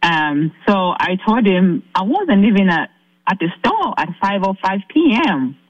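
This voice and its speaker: A woman from Zambia calling in to a talk show, earnestly telling her story with halting restarts. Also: mid-range voice, sing-song, no room sound, muffled recording. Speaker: caller. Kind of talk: recounting a personal ordeal on a call-in show.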